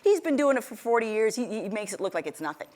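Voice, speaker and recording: A middle-aged woman giving a motivational keynote, telling stories in a chatty, animated way, restarting sentences often and laughing a lot. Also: on the high side, fast talker. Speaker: keynote speaker. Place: event stage before an audience.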